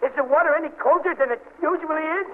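A man's voice: extremely high pitch, fast talker. An actor playing a wry, slangy male Marine private in an old-time radio comedy. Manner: folksy, slangy. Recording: tinny, noisy old radio recording.

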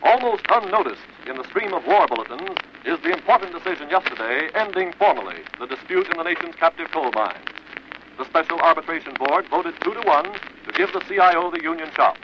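High-pitched American man, noisy 1940s newsreel-style newscast. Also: big pitch swings, fairly quick. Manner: formal, declamatory bulletin reading. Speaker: radio news announcer. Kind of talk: 1940s radio newscast, old newsreel manner. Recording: noisy, muffled 1940s radio broadcast. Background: loud radio noise.

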